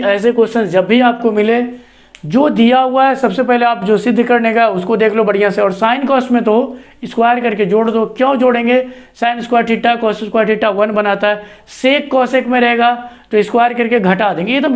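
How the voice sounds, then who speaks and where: A man's voice: very high-pitched, a little fast. A man teaching math, explaining a proof step by step. He talks patiently and keeps checking with the students as he goes. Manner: patient, repeats checks like "see" and "okay".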